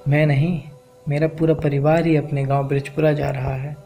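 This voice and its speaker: A man's voice: a little high, flat delivery, moderate pace, vocal fry, warm tone, faint music behind. Man voicing a weary barefoot migrant worker.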